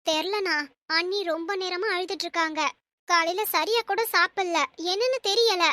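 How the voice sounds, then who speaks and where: A woman's voice: extremely high pitch, moderate pace, sharp tone, no room sound. A woman playing a loyal, meddling younger sister-in-law in a family drama skit, urging and conspiratorial. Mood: concerned.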